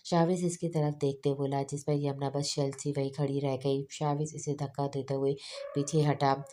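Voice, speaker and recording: A woman narrating a romance novel as an audiobook in an even, unhurried storytelling voice. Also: a bass voice.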